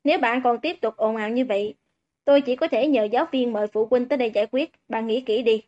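A woman voicing a calm, detached male high-school student who speaks curtly, in a dull lo-fi recording. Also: quick pace, close to an everyday voice. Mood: cold, dismissive. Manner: detached, curt.

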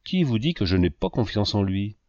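A man reading the lines of a proud young wife who answers curtly and defensively, in his own low voice. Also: sing-song, moderate pace, dark tone, dry recording. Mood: guarded. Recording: dull lo-fi dry recording.

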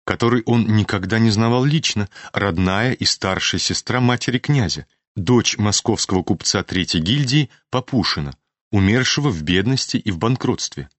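A man narrating a classic novel as an audiobook, reading in a steady, even-paced way into a studio microphone. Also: lowish voice, normal speed, no room sound.

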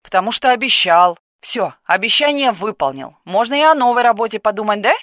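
An actress playing a caring woman who gently presses a policeman to think about a new job, in an audiobook. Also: medium pitch, expressive, a little fast, dry recording, studio quality, lightly acted. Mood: coaxing. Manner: coaxing, gently persistent. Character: caring woman urging a cop to quit.

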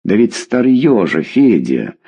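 A male reader voicing an exasperated middle-aged wife who scolds her husband in a high, shrill voice. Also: sing-song, slow, warm tone, husky, highs cut off, full character voice. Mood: scolding.

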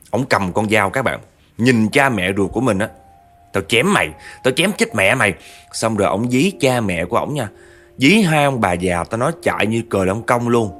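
Low-voiced storyteller man. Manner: dramatic, addresses listeners directly. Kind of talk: spoken horror storytelling.

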